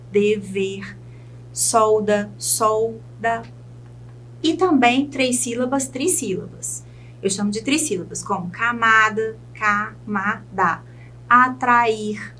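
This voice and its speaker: A woman teacher with a Brazilian Portuguese accent giving a recorded video lesson, speaking clearly and dictating words slowly for students to write down. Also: fairly high pitch, a bit bright, a little hiss or hum.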